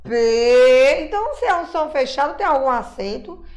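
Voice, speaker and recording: A woman's voice: sits high, sing-song. A woman from Brazil's teaching a class of young children, patiently spelling words out syllable by syllable and calling herself auntie. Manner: slow, drawn-out syllable-by-syllable spelling; patient, uses diminutives, refers to herself as auntie. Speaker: primary school teacher.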